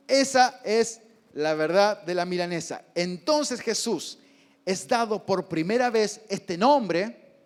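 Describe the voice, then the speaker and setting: A man preaching a sermon as pastor, deliberate and full of rhetorical questions and swelling repetitions, in a church. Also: on the high side. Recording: long reverb from a big hall.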